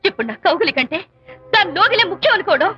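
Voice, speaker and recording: A woman's voice: extremely high pitch, lively intonation, fast, bright, forceful tone, heavily acted. An actress playing a proud, jealous young wife who snaps back at her husband in an old film scene. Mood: indignant. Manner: indignant, cutting retorts. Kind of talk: 1990s film dialogue. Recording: muffled film soundtrack with music.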